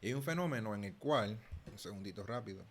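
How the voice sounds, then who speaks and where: Young Puerto Rican host, low-pitched, loose talk with many restarts, faint background noise. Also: male voice, expressive, fast. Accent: Puerto Rican Spanish. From Puerto Rico. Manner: thinking aloud, frequent restarts and repeated words. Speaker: channel host. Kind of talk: casual commentary.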